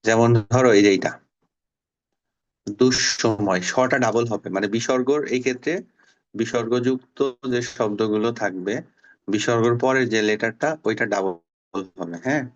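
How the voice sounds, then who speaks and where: Man, teacher, online lesson, patient, repeats words slowly, mid pitch, muffled lo-fi sound. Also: fairly even intonation. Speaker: Bangla teacher.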